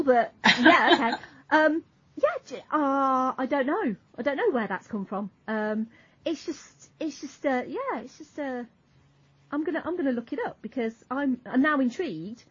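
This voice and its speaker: A woman's voice: sits high, fairly bright tone. A woman co-hosting a podcast, chatting casually and trailing off as she explains. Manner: rambling, self-interrupting, trailing off. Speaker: podcast co-host. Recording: dull lo-fi audio.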